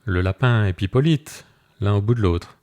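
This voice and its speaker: Casting: timid old peasant shepherd, halting and repetitive, played by a man, low dark voice. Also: lightly acted. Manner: halting, repetitive rustic speech.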